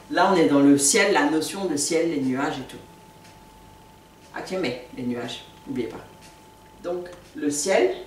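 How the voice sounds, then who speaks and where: A woman giving a relaxed spoken language lesson, repeating each new word slowly and patiently. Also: lowish voice, a little hiss or hum. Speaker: language teacher. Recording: echoey room, mic at a distance.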